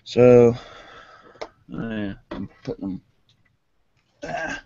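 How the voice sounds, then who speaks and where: A man with a self-described monotone voice chatting casually through a toy unboxing, rambling with lots of fillers. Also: medium pitch, extremely slow, highs cut off, a little hiss or hum. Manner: rambling, many fillers, calls own voice monotone. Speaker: vlogger.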